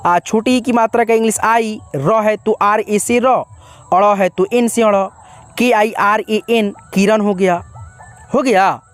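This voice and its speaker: A man teaching a spelling lesson in a patient, repetitive way, asking questions and answering them himself and calling his viewers friends. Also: sits high. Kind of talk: classroom-style spelling lesson.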